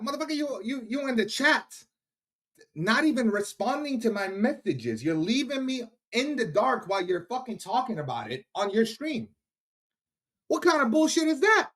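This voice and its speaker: A man's voice: high voice, fairly bright tone. A man from Iran ranting angrily to his viewers on a live stream, swearing often and talking straight to them. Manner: angry, profane, addresses viewers directly. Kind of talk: heated live-stream rant.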